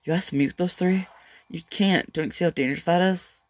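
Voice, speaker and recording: A man's voice: high voice, fairly quick, voice pushed up, natural voice. A man voicing a loyal, hot-headed young woman in a manga read-aloud, pleading in a raised, urgent voice. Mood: alarmed.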